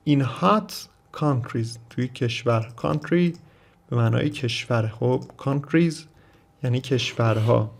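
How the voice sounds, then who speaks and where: A Persian-speaking man teaching English vocabulary, reading each English phrase slowly and then explaining it. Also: mid-range voice, creaky. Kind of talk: vocabulary lesson.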